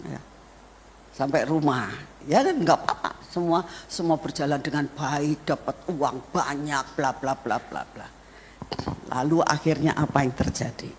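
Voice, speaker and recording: Woman pastor, middle-aged, animated storytelling sermon, long church reverb, faint room noise. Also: low-pitched. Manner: lively storytelling, acts out family dialogue, addresses congregation as saudara. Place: church hall.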